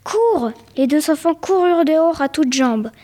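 A woman's voice: high-pitched, normal speed, warm tone. A woman reading a short storybook tale aloud, telling it plainly and now and then stumbling or repeating a word.

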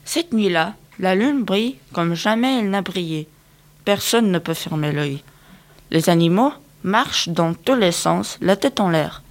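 A woman narrating a children's picture-book audiobook in a lively, engaging way, speaking directly to young listeners. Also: fairly low pitch, unhurried.

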